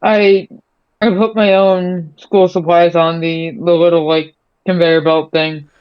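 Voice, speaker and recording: A woman's voice: lowish voice, little pitch movement, takes it slowly, smooth, no room sound. A woman playing a tabletop game, casually role-playing and narrating, often hesitant and repeating words. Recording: dry, slightly dull microphone sound.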